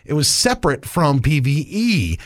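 A fired-up man rants on a gaming podcast, his fairly high voice swinging wildly up and down as he swears through every complaint. The sound is dry and close, with no room around it. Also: sing-song, normal speed, dry recording. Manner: angry, swearing, ranting. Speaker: podcast co-host. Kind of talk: casual gaming podcast rant.

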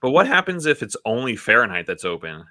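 A man's voice: medium pitch, big pitch swings, fast, bright, forceful tone, no room sound, studio quality. A man co-hosting a podcast in an easygoing, conversational way. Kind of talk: casual podcast chat.

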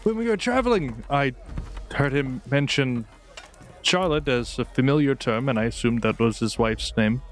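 Male player in character, even mid voice, steady and wry. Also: medium pitch, normal speed. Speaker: tabletop game player. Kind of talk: in-character tabletop role-play.

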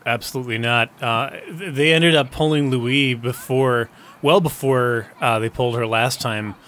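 A man doing descriptive baseball play-by-play, narrating each pitch and play as it happens. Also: moderate pace, a bit bright, a little hiss or hum. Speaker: baseball commentator. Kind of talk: baseball video game play-by-play commentary.

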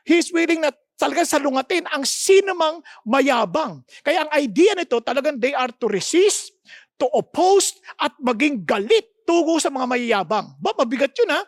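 A Filipino woman preaches in a high voice, full of rhetorical questions to her listeners. She explains words with emphasis. The recording is close and dry, with no room sound. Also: no echo. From Philippines. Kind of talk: sermon mixing Tagalog and English. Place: podcast recording.

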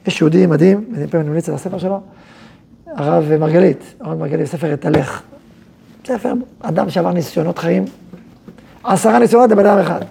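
A male rabbi lectures in a gravelly, dark voice, asking questions and answering them himself. The talk is lively and conversational, the way a yeshiva head teaches his students. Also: high-pitched.

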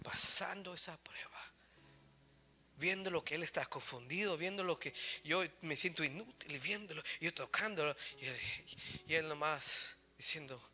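A man preaching a sermon with raw emotion, swinging from hushed near-whispers to shouts, halting and restarting, slipping English phrases into his talk. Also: on the high side. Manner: mixes English phrases into Spanish. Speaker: pastor.

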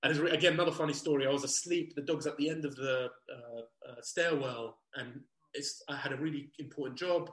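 A man telling a story as a guest, animated, acting out his own past lines and swearing casually. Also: mid-range voice, brisk, hardly any pauses. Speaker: guest, dog trainer. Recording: roomy echo.

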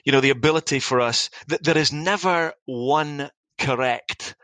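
A man's voice: fairly high pitch, normal speed, bright, forceful tone, dry recording, rough recording. A middle-aged man with a Scottish accent, a business founder telling his story in an interview in a wry, reflective, anecdotal way with frequent restarts. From Scotland.

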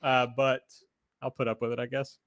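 A man's voice: mid-range voice, level tone, normal speed, fairly bright tone. A man hosting a podcast in casual chat, recapping a show with sarcastic jokes. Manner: sarcastic, joking. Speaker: podcast host.

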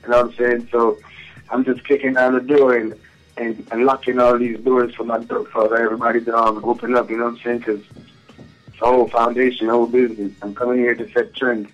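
A man's voice: medium pitch, flat delivery, a little fast, muffled recording, faint music behind. A man from Jamaica with a Jamaican accent, a rapper and young label owner calling in, talking casual and slangy. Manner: laid-back slangy talk with "you feel me". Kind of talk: casual interview call-in.

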